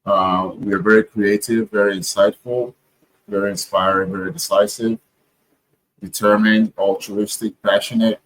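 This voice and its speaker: A man with a low, deep voice and a husky edge speaks straight to his viewers in a casual vlog. He sounds earnest and reflective, pausing often with fillers and restarting his sentences. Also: little pitch movement, a bit bright, poor audio. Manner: hesitant, many ums and restarts. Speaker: vlogger. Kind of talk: casual talk to camera.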